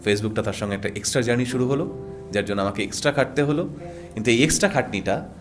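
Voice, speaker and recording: A Bengali-accented man in a podcast chat, talking at a middle pitch with an earnest, emphatic manner. He drives his points home through rhythmic repetition, and faint music sits under his voice. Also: fast talker. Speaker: radio jockey and voice artist guest. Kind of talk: podcast conversation.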